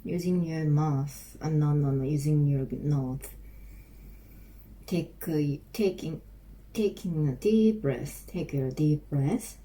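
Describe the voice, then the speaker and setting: A middle-aged woman with a Korean accent, practicing English phrases aloud, repeating each one slowly with frequent restarts. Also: deep voice, mellow. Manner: slow, repeats phrases over and over, halting with restarts. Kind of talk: self-recorded English speaking practice.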